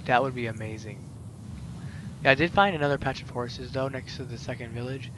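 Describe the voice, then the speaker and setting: A young man hosts a Minecraft let's play, chatting casually with friends over a voice call in rambling, filler-heavy, animated gamer talk. His voice is medium-pitched and brisk, with background noise.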